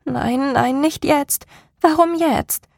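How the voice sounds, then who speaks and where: A woman's voice: a little high, fairly even intonation, moderate pace, slightly rough, no echo, studio quality. A woman voicing an anxious, insecure young woman who stammers nervously.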